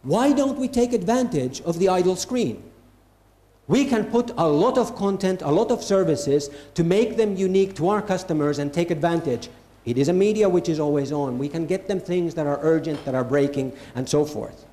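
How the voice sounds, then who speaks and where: In an echoing hall full of listeners, a Finnish man gives a conference keynote with emphasis, repeating phrases for stress. He sounds a little high and animated, with a dark tone and a moderate pace.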